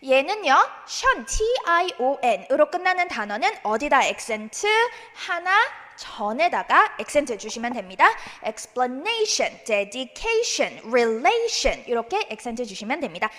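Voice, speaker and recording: A woman teacher giving a recorded exam-prep lecture, drilling English pronunciation by modeling words slowly and having students repeat. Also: high voice, sing-song, sharp tone, big-room sound. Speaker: English speaking test teacher.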